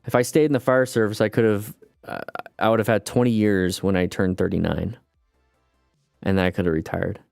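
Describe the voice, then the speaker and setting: A man in his late thirties hosts a casual livestream, rambling in a relaxed way as he chats with viewers, answers their comments and calls them "guys." His lowish, gravelly voice is brisk, captured in clean studio sound with no room echo and soft background music.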